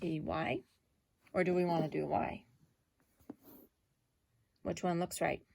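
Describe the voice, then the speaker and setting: A woman's voice: on the low side, steady tone, gravelly, darkish tone, a little hiss or hum. Patient woman teaching phonics. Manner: patient, sounding out letters slowly. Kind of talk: phonics lesson for children.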